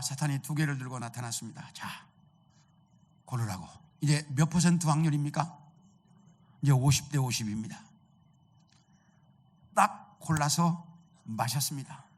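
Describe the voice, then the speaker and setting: A man's voice: fairly high pitch, moderate pace, pauses often. A male pastor preaching a sermon, telling a story and asking the congregation rhetorical questions.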